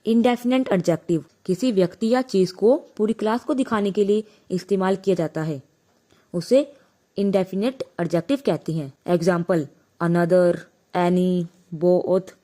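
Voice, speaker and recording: A woman teaching a grammar lesson, slowly explaining and asking and answering her own questions. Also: on the low side, mellow.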